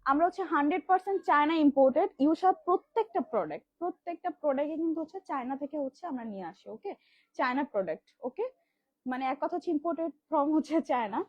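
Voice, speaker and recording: A woman from Bangladesh hosting a live stream, showing children's dresses in rapid, filler-heavy sales patter. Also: high-pitched, animated, no room sound. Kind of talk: live product demo selling kids' dresses. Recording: dull lo-fi livestream audio.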